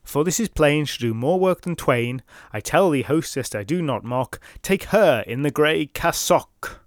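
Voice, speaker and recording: A man's voice: on the high side, lively intonation, measured pace, dry recording, studio quality. A man doing a tipsy rhyming old-time doctor. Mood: gleeful. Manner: rhyming, sing-song declamation. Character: tipsy, capering male doctor reciting verse.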